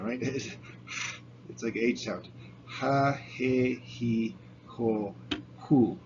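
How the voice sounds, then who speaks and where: A man's voice: medium pitch, darkish tone. A man teaching a language pronunciation lesson, patiently sounding out syllables and asking the listener to repeat. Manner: patient, repeats syllables slowly, chuckles at own slips. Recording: dull lo-fi sound, faint room noise.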